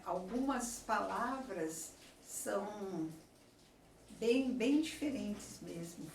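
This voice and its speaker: A woman teacher, giving a slow classroom lecture and checking in with her students often. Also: mid-range voice, gravelly. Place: classroom with a chalkboard. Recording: echoey room, voice from far off, faint noise.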